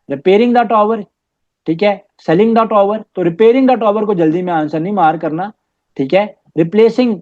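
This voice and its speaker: A man giving a recorded exam-prep lecture, explaining step by step and reading English passages out slowly. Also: high-pitched, a little mellow. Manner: explains step by step, mixing Hindi-Urdu with English. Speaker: test-prep teacher. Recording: dull lo-fi audio.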